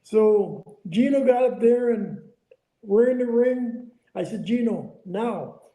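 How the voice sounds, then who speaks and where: A man's voice: very high voice, slow pace, narrow, tinny audio. Older man on an echoey voice call. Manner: repeats phrases for emphasis. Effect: heard over a remote group voice call. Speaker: interview guest, former wrestler. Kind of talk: casual anecdotal storytelling.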